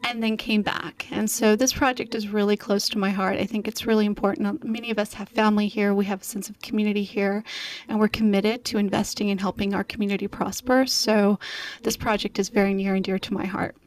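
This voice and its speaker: A woman's voice: medium pitch, little pitch movement, brisk, low-quality recording. A woman from Portugal, a nonprofit program coordinator, explaining at length and earnestly in a radio interview, with many fillers.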